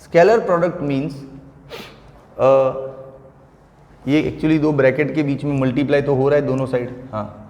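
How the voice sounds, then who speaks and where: A man teaching physics at a board in an informal, chatty way, calling students friend and repeating terms slowly so they can take notes. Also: on the high side, steady tone, darkish tone, muffled recording. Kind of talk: classroom lecture at a board. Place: classroom with a large board. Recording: echoey room with long reverb.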